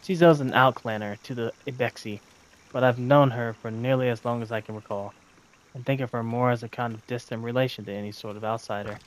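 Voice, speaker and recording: Man narrating a story game calmly. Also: mid-range voice, fairly quick. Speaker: gaming video narrator. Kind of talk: reading a story game aloud with commentary.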